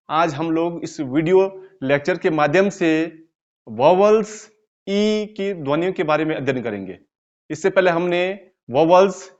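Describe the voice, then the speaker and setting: Indian male English teacher, high voice, slow and deliberate, spells words out and quizzes the class, muffled lo-fi sound. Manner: spells words letter by letter and asks the class questions. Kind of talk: video lecture. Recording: dull lo-fi recording.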